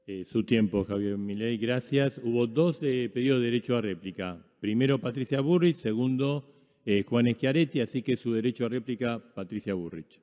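A man, moderating a debate in a measured way with hesitant fillers. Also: medium pitch, warm tone. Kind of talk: formal moderation. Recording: long hall reverb.

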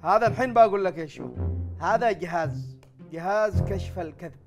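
A man playing a blustering, middle-aged father who curses quickly and talks loudly in exasperation, in a comedy sketch. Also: sits high. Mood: scolding. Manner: loud, exasperated, rapid cursing. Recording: music playing behind the voice.

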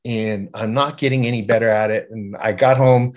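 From a room at home on a video call, a middle-aged man who organizes an art group gives an informal talk to the group. His fairly low voice stays fairly even in intonation as he speaks haltingly, often doubling back on words, in a self-deprecating way. The audio is slightly dull and lo-fi.

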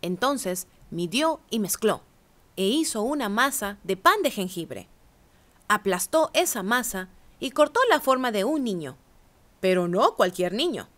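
A woman reading a children's picture book aloud with expressive, animated storytelling. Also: mid-range voice, unhurried.

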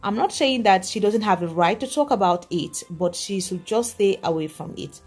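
A woman's voice: mid-range voice, darkish tone, husky. A young woman, chatting to her viewers from the back seat of a car and calling them guys. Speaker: gossip vlogger. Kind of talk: casual chat to viewers. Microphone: phone at arm's length.

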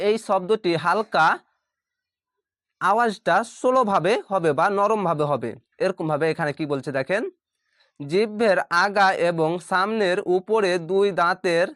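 A teacher giving a careful pronunciation lesson, explaining where each sound is formed and repeating it aloud slowly. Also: mid-range voice, fairly bright tone, no room sound, clean studio sound. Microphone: facing the camera.

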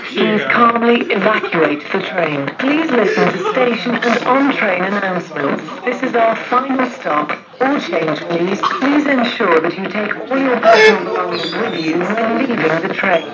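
Woman, train loudspeaker announcement, calm, formal, even, dull muffled sound. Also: medium pitch, measured pace, hardly any pauses. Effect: train tannoy announcement played over a loudspeaker. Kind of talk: recorded public announcement. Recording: muffled loudspeaker with loud crowd.

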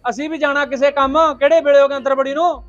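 A man's voice: extremely high pitch, fairly even intonation, a bit bright, lo-fi sound, a little hiss or hum. An actor playing a grown son who complains about his mother and wants to wash first, in a village comedy drama. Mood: complaining. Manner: complaining, quick. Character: grumbling grown son in a hurry.

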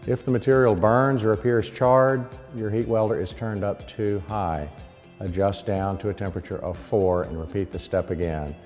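A man in his forties giving scripted instructional narration as a product presenter, in a steady, measured, explanatory manner. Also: on the low side, in a large hall, soft background music. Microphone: lapel mic.

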